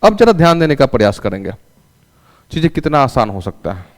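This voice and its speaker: A man's voice: medium pitch, big pitch swings, a little fast, big-room sound. A male teacher giving a classroom English lesson, asking questions and answering them himself and having students repeat after him. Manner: calls students "raja".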